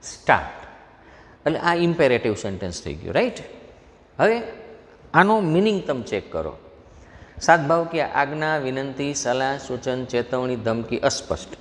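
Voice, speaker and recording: A man's voice: mid-range voice, big pitch swings, a bit bright. Gujarati-accented male teacher in a reverberant hall. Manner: explains step by step, reads example sentences slowly, asks the class questions. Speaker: English grammar teacher. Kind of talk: classroom lecture mixing Gujarati and English. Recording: faint noise, long hall reverb.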